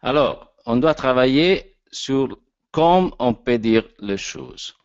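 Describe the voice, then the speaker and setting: A man with an Italian accent, whose first language is Italian, gives an informal lecture as an actor and director, halting often and searching for his words. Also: medium pitch, expressive, darkish tone, smooth, no room sound. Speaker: actor and director giving a talk on voice. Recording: dull lo-fi sound, dry.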